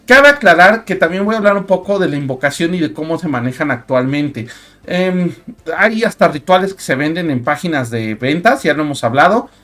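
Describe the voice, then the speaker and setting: A man's voice: on the high side, lively intonation, a little fast, a bit bright. Chatty Mexican man hosting a talk show. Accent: Mexican Spanish. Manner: chatty, many fillers and restarts. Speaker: host. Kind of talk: casual talk show monologue.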